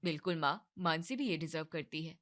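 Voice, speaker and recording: An animated, slightly fast-talking woman takes the role of a young husband in a cartoon family drama, trying to placate his wife and mother. She softens and lowers her voice, giving the character a soothing, evasive, placating manner.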